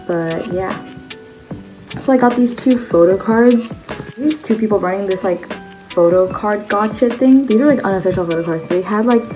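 At normal speed and with a mellow, mid-range voice, a teenage girl from China chats about her merch haul, leaning on "like" and lots of fillers. The vlog is filmed close-up on a phone camera at a table in her bedroom. The low-quality recording carries background music.

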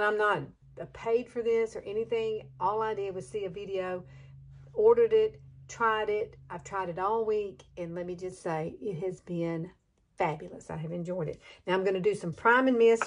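A woman's voice: mid-range voice, a little mellow. A woman in her late fifties from Alabama with a Southern accent, chatting through a hair tutorial in a gushing, folksy way. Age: 50s. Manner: gushing, chatty, drawling with laughs. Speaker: beauty vlogger. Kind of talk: casual hair tutorial chat.

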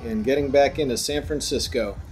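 A man narrating his own road trip as a travel voice-over, in a relaxed, chatty tour-guide manner. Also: medium pitch, fairly quick, faint music behind.

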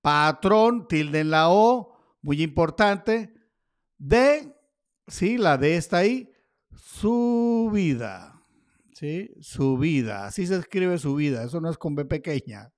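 A man's voice: a little high, lively intonation, normal speed. A man giving casual market commentary over charts, chatty and joking with his viewers. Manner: chatty, jokey asides to viewers. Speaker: crypto chart analyst.

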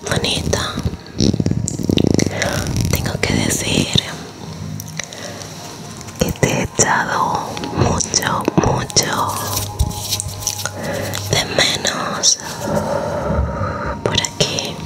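A young woman whispers intimately in an ASMR style, close to the microphone, softly repeating words. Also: drawn-out words, pauses often, poor audio. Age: young adult. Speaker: ASMR creator and host. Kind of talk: ASMR, soft whispered chat to viewers. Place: small room at home, indoors. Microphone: close tabletop condenser microphone.

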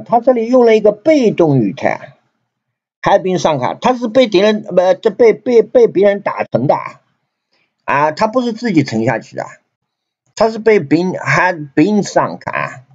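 A man with a Chinese accent teaching an English grammar lesson, repeating himself and reading English lines slowly. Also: high-pitched, wildly swooping pitch, a little mellow. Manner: repetitive, many fillers and restarts, reads English slowly. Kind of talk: grammar lesson explaining sentences. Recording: dull lo-fi recording.

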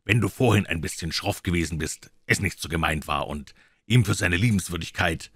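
A man reading an audiobook and voicing a fawning old male bookseller with a croaking voice. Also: deep voice, brisk, fairly bright tone, heavily acted. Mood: ingratiating.

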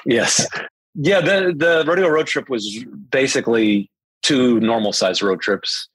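A man's voice: medium pitch, unhurried, fairly bright tone, slightly rough, dry recording, rough recording. A man hosting a casual sports podcast, chatty and full of restarts. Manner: chatty, many restarts and fillers. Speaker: podcast host.

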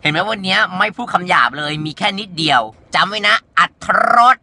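Brief: young male vlogger, high bright voice, sassy, campy and blunt. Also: fast, gravelly, no room sound. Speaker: vlogger answering comments. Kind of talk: candid monologue to camera.

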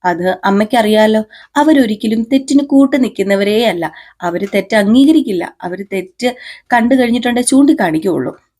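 A woman voicing a gentle, patient young wife who talks in a coaxing, pleading way. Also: a little high, expressive, fairly quick. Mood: persuasive.

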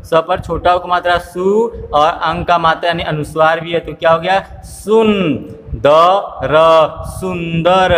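A man teaching a phonics lesson to small children. He slowly spells words out syllable by syllable and keeps asking questions. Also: high-pitched, fairly bright tone, big-room sound, a little hiss or hum. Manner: slow, drawn-out spelling aloud, syllable by syllable, with repeated questions.

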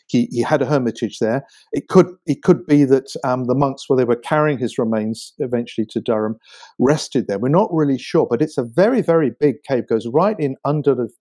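An English man speaks as a guest author in a relaxed podcast chat. His voice sits at a middle pitch. He describes places with animated, storytelling energy. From England. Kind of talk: casual interview conversation.

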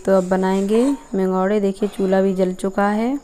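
Young woman from Uttar Pradesh, steady low-key cooking narration, flat delivery, mellow tone, faint outdoor background noise. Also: normal speed. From Uttar Pradesh, India. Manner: plain step-by-step explaining. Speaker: village cooking vlogger. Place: rural courtyard, outdoors.

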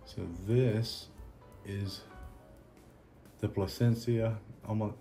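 A Southern-accented man with a low, deep voice hosts a relaxed unboxing chat. He talks slowly, halting often with ums and restarts. Soft music plays faintly behind him. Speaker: cigar channel host.

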